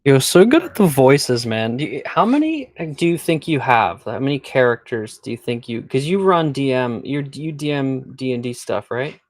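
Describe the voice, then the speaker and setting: A man's voice: medium pitch, expressive, normal speed, few pauses, no room sound, studio quality. A man streaming a chess game, chatting and teasing his friends on voice chat. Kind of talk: casual voice-chat banter.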